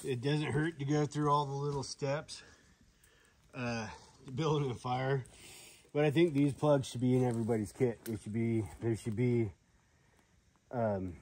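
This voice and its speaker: A man with a mid-pitched voice talks casually through an outdoor fire-starting demonstration. His delivery is rambling, hesitant and folksy, with loose swearing. The recording has clearly audible noise and clicks around the voice. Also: steady tone, measured pace, long pauses, darkish tone.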